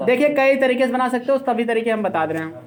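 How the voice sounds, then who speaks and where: A man teaching an English grammar lesson to a class, explaining slowly and often asking whether it is clear. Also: extremely high pitch, lively intonation, crowd noise.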